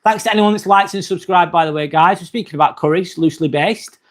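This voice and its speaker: A chatty livestream host with a northern English accent from near Manchester talks quickly in a slightly high voice. He's friendly, drops frequent "um" fillers, and reads out comments in casual livestream chat.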